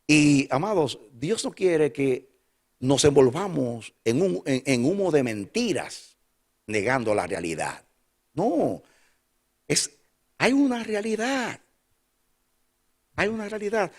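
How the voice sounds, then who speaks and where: An older male pastor delivering a sermon in a fairly high-pitched voice. He preaches emphatically, repeating his phrases, and then drops into quiet, confiding asides. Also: very animated, slow pace, long pauses.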